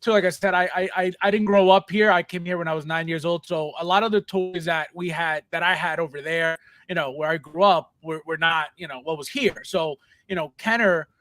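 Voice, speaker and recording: Host, high-voiced man from Colombia, Spanish-native, halting and chatty, dry close sound. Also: fairly even intonation, fairly bright tone, no echo. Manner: halting, full of restarts. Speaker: podcast host. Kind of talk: casual podcast chat.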